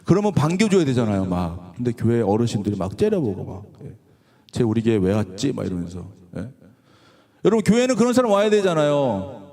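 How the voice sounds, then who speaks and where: Animated middle-aged man preaching. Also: mid-range voice, a little fast. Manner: animated and conversational, acts out quotes, laughs often. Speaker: guest revival preacher. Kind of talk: sermon with storytelling. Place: church sanctuary.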